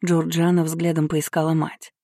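An audiobook narrator with a warm, mellow voice, reading in an even, measured manner. The recording is dry and close. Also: medium pitch, no echo. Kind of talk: scripted narration.

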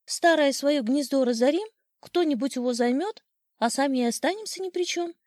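A woman's voice: high-pitched, lively intonation, moderate pace, darkish tone, no room sound, studio quality, pitched above the performer's own voice. A woman voicing a serious, cautious female sparrow in a storybook tale. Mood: doubtful. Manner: doubtful, cautious.

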